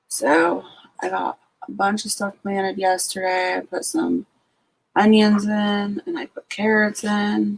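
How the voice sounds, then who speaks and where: Here the homestead channel host is just out of bed, hosting a relaxed late-night stream from home and welcoming each viewer by name. Her medium-pitched voice is creaky, and the audio is poor.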